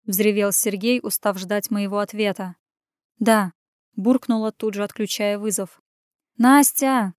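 Woman reading a story in first person, even pace, crisp voice, dry recording. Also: mid-range voice, normal speed, no echo. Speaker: audiobook narrator. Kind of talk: first-person scripted narration.

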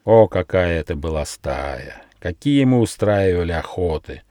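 A man voicing a proud, bitter female wild dog held captive, speaking slowly and with heavy emphasis. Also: low voice, very animated, dark tone, no echo, clean studio sound. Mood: mournful. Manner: scornful, slow and emphatic.

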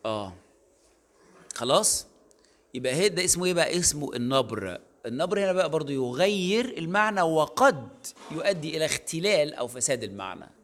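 A man's voice: a little high, very animated, a little fast, a bit bright. A male university lecturer with an Egyptian accent, explaining casually with many fillers and self-corrections. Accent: Egyptian Arabic. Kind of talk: recorded online lecture.

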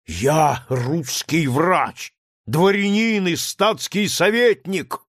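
A man voicing a pompous elderly doctor who shouts with slow, emphatic, rattling dignity, in an audiobook reading. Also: on the high side, no echo, clean studio sound, pitched above the performer's own voice, exaggerated voice. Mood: outraged.

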